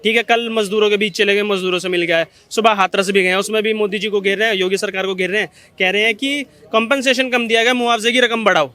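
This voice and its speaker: A man's voice: high-pitched, fairly even intonation, fast, hardly any pauses, bright, forceful tone. A male interviewer putting long, listing political questions to people in a street interview.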